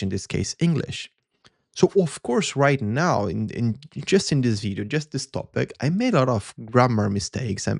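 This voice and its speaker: This Brazilian podcast host, a native Portuguese speaker, has a fairly low, creaky voice with a darkish tone, recorded in a clean studio with no echo. Hosting his solo show in his second language, he sounds earnest and reflective, searching for words as he goes.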